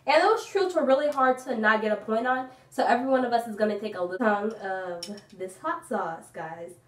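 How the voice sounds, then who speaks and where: A woman's voice: fairly high pitch, fairly quick. A woman hosting a casual family game on a home vlog, chatty and giggly as she reads out game cards. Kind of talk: casual chat. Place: echoey room indoors. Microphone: phone camera from across the room. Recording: echoey room, distant phone mic.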